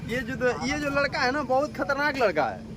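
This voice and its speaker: High-voiced Bhojpuri-accented man vlogging outdoors. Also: big pitch swings, brisk. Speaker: vlogger and shopkeeper. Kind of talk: casual vlog chat to camera. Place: at a shop in a market. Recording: noisy outdoor street ambience.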